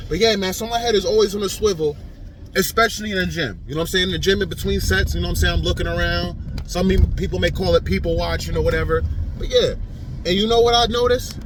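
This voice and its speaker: A man's voice: sits high, fairly bright tone, a little hiss or hum. A man in his thirties talking casually straight to his viewers in a vlog, repeating himself and calling them "man". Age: 30s. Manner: informal, repetitive, addresses viewers as "man". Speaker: vlogger.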